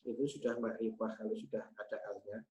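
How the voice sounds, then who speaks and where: A man, teaching Arabic grammar patiently and methodically, pausing often on hesitation sounds. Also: lowish voice, a little mellow. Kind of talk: explaining grammar in a class. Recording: slightly muffled with faint hum.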